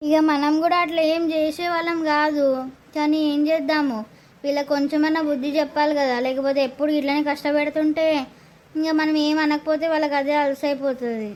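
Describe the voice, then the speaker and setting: A woman's voice: sits high, little pitch movement, fairly quick, natural voice. A woman voicing a protective, scheming middle-aged mother in a cartoon, with an indignant, scolding way of talking. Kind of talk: cartoon voice acting.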